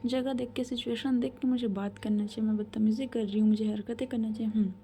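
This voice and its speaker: A woman's voice: on the high side, steady tone, fast talker, dark tone, slight background noise, close to an everyday voice. A woman voicing a bossy, tipsy young woman who teases and gives orders, in a told love story. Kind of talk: storybook voice acting.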